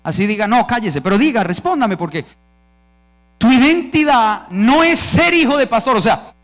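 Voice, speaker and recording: Man, Colombian Spanish accent, high voice, conference sermon, emphatic, calls for responses. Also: lively intonation, moderate pace, a bit bright. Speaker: preacher. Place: church conference stage.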